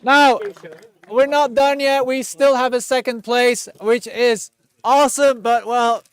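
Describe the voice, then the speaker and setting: Very high-voiced man yelling excitedly. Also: unhurried, clean tone, no room sound. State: losing his voice. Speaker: event host announcing prizes. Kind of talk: live-streamed award announcement.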